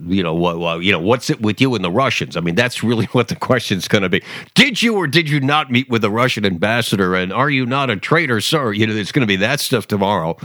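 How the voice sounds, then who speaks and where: A low-voiced man hosts his daily podcast with a lively, swooping delivery. He rambles sarcastically, restarting sentences and tossing in fillers. The sound is dry and close to the mic. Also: no room sound. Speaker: podcast host. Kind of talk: opinionated talk podcast monologue.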